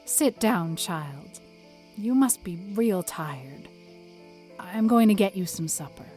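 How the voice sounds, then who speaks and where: A woman's voice: medium pitch, expressive, darkish tone, soft background music. A stern reserved woman of sixty, voiced by a reader. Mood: dry. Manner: brisk, dry, severe.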